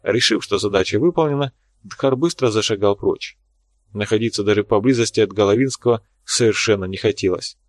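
A man narrating an audiobook in an even, measured way. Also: on the low side, dry recording. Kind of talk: scripted narration.

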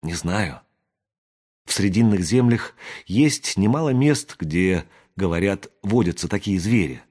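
A man reading an audiobook aloud, voicing a wary young woman who talks in a hushed whisper. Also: deep voice, expressive, unhurried. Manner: whispering, hushed and matter-of-fact.

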